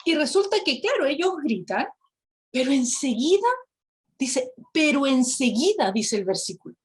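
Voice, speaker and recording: A woman teaching a Bible lesson, telling the story with lively rhetorical questions and acting out the characters. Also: high-pitched, normal speed. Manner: acts out quoted characters.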